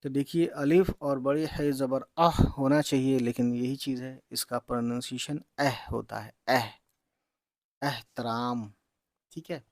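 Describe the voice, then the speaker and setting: Male reading teacher, gravelly and unhurried, dry close sound; sounds out each letter patiently. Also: mid-range voice, steady tone, dry recording. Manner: spells out letters and vowel marks slowly, says "theek hai" often. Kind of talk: slow letter-by-letter reading lesson.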